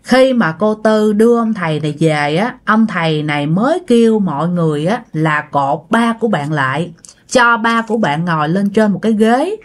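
A woman telling a ghost story casually, talking straight to her listeners. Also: mid-range voice. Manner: chatty, addresses listeners directly.

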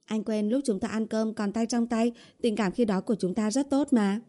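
A woman's voice: a little high, fairly even intonation, normal speed, dark tone, voice pushed up, lightly acted. A woman voicing a whiny young woman who pleads and sweet-talks her boyfriend, read in an audiobook. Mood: coaxing. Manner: pleading, coaxing. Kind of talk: audiobook character voice.

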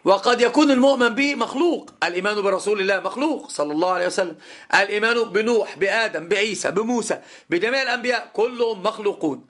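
A middle-aged man teaching a classroom lesson as an Islamic scholar, his voice pitched notably high for a man. He drives points home by repeating phrases and drawing out key words. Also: racing, a bit bright. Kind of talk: classroom lecture on legal theory.

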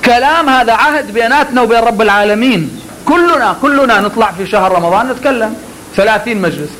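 A man's voice: extremely high pitch, fast, a bit bright, low-quality recording. A man teaching pulpit oratory in a classroom lecture, drawing out words to demonstrate delivery and talking to his students with joking asides.

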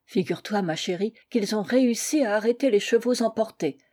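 A woman reading a short story aloud, storytelling at an even pace and lightly voicing the characters' lines. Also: medium pitch, a little fast. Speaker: audiobook reader.

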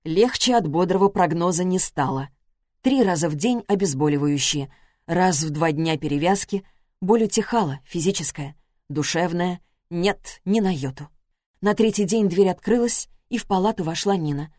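A woman reading a literary story as an audiobook, measured and expressive, close to the mic. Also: on the low side, no room sound. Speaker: audiobook narrator.

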